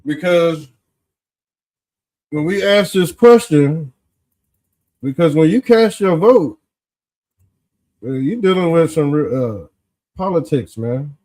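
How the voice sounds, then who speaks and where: A man hosting an informal political commentary show, talking in folksy street style with drawn-out emphasis and a smug, sarcastic exposé manner. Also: on the high side, expressive, a little mellow.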